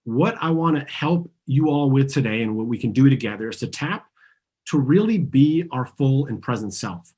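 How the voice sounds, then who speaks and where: A husky, warm, mid-range voice with lively intonation at a moderate pace belongs to a man born in Argentina and raised in the US. He earnestly guides a group through tapping, asking them to repeat his phrases.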